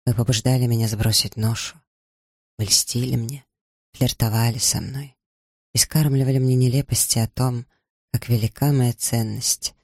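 A man's voice: mid-range voice, level tone, normal speed, a little mellow, no echo, studio quality, natural voice. A man reading a wounded, furious young noblewoman in an audiobook, with accusing outbursts. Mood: bitter.

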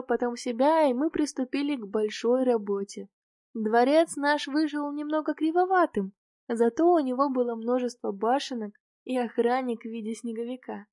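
A woman reading a novel aloud in the first person, with clear, expressive storytelling. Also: sits high, no echo, studio quality. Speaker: audiobook narrator.

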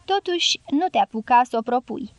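A jovial, blunt male general in his late forties who makes harsh jokes, as a woman reads him in an audiobook. The voice sits fairly high and sounds close and dry. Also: expressive, no echo. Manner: blunt, joking.

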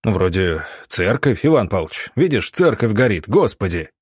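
A man voicing a gruff, curt army captain. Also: on the low side, very animated, normal speed, no echo, studio quality. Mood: alarmed. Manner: curt, urgent commands.

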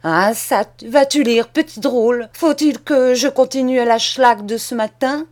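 A woman reading aloud and voicing a greedy, harsh old woman who scolds a boy in sharp, shrill outbursts. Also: lively intonation, unhurried, natural voice. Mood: scolding angry. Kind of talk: audiobook character reading.

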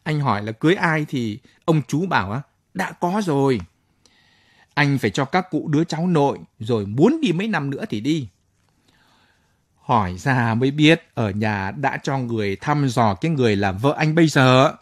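A man narrating a late-night audio story in a calm, measured way. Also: medium pitch, no echo, clean studio sound. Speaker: story reader.

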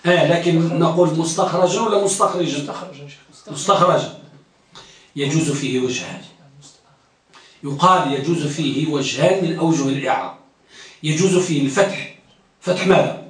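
A man's voice: fairly high pitch, moderate pace, pauses often. A man teaching a classroom lecture who quizzes his students and repeats key phrases. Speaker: teacher of hadith studies. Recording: very echoey room, distant mic.

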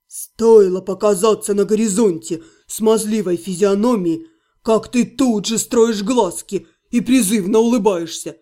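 A woman voicing a grumpy, jealous young half-gnome man in an audiobook, snapping and gruff. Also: medium pitch, unhurried, mellow, voice pushed down, lightly acted.

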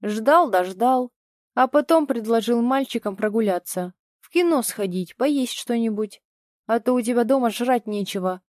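A woman voicing a cowardly, sneering ex-husband in an audiobook, with a drawn-out mocking delivery. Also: a little high, darkish tone, dry recording, clean studio sound, close to an everyday voice. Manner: drawling, sneering.

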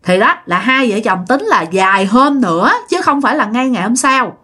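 A woman's voice: on the high side, animated, normal speed, pushed and bright. A woman telling a ghost story in a chatty way, talking straight to her listeners. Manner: chatty, addresses the listener directly. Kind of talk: casual ghost-story narration.

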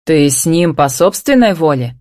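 Вспыльчивый командный мужчина, озвученный женщиной, говорит отрывисто и резко. Звучание сухое, без эха. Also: female voice, sits low, lively intonation, normal speed, no echo, clean studio sound. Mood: irate. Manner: shouting, bossy. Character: angry older brother, bossy man.

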